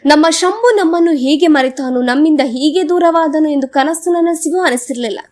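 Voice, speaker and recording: High-voiced woman reading an audiobook. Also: moderate pace, a little mellow. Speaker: audiobook reader. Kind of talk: scripted narration.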